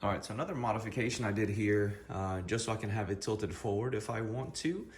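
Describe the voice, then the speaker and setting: A fairly deep-voiced man talks casually through a hands-on build. His mouth is half numb from the dentist, so his words come out a little slurred. There is clear background noise in the recording. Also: brisk. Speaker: hobbyist maker showing a DIY build. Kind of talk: casual spoken build walkthrough.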